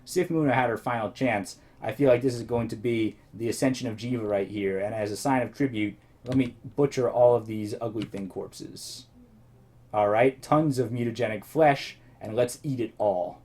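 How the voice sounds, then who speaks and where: A man gives rambling, think-aloud commentary on his own gameplay as a let's play host. His voice is medium-pitched, a little mellow and at normal speed, but slightly worn as he begins losing it.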